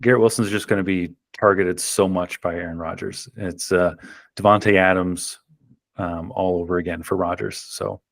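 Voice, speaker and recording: A man's voice: sits low, fairly even intonation, normal speed, gravelly, a bit bright, no echo, studio quality. A man hosting a fantasy football podcast, talking casually and rambling with lots of ums and restarts. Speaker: podcast host. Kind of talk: casual chat.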